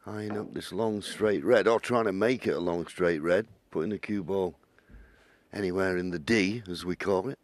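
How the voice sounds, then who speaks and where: A man's voice: low-pitched, moderate pace, no echo. A man giving conversational snooker commentary, with chatty explanatory asides as a co-commentator.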